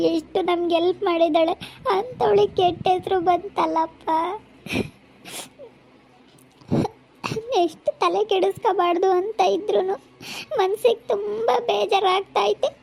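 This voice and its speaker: Woman doing a crying young wife, super high squeaky voice, keeps complaining. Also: steady tone, fast. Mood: tearful. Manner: plaintive, complaining. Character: tearful young pregnant wife, hurt by her family. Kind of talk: amateur family drama.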